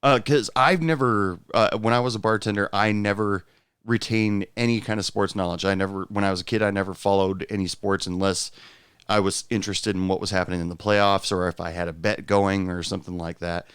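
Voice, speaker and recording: A man's voice: fairly low pitch, fairly even intonation, brisk, fairly bright tone, clean tone, dry recording, clean studio sound. A man hosting a casual podcast chat, talking hesitantly with many fillers and laughing often. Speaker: podcast host.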